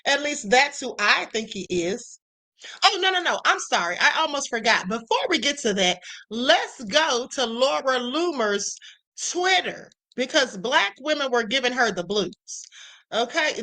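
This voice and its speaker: A woman hosting a live stream, giving sassy, emphatic commentary with drawn-out asides. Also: a little high, sing-song, sharp tone. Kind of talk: casual commentary.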